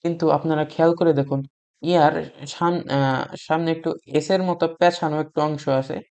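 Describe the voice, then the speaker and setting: A man teaching beginners to read Arabic letters, patient and repeating each sound slowly for learners to copy, with frequent hesitant fillers. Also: a little high, steady tone, gravelly, darkish tone, clean tone. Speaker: Quran reading teacher.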